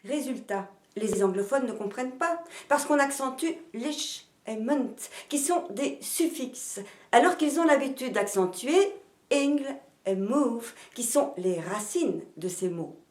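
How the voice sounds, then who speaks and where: Lively teacher in an echoey room. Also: female voice, fairly high pitch, unhurried. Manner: demonstrative, rhythmic, sounding out syllables. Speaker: language teacher. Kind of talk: pronunciation lesson.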